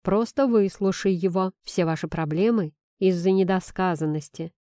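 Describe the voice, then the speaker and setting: A woman's voice: lowish voice, moderate pace, dark tone, no echo, natural voice. A woman voicing a caring young female friend who talks in a soothing, persuasive way, recorded dry and close. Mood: coaxing. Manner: coaxing and soothing.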